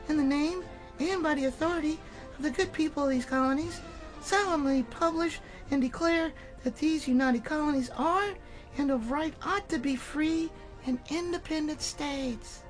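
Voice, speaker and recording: A woman's voice: high-pitched, moderate pace, soft background music, low-quality recording. A woman giving a theatrical recitation of a historical document as a horror host.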